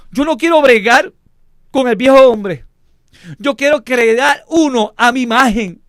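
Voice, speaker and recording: A man's voice: very high voice, a bit bright, no echo, clean studio sound. A man preaching a fervent radio sermon, speaking straight to his listeners and acting out biblical voices with sudden drops and rises. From Puerto Rico. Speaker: pastor.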